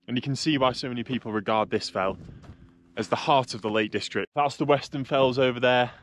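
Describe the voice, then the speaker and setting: On an open, snowy mountainside, a young hiking vlogger chats casually to a camera at arm's length, his voice medium-pitched and fairly quick. The recording sounds dry, though wind and outdoor noise are clearly audible.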